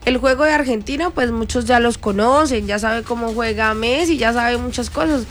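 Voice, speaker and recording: A woman's voice: fairly high pitch, normal speed, slight background noise. A woman co-hosting a sports radio show, chiming in with short opinions and reading event details. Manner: brief agreeing interjections, reads event details. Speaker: radio co-host. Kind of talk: casual sports debate.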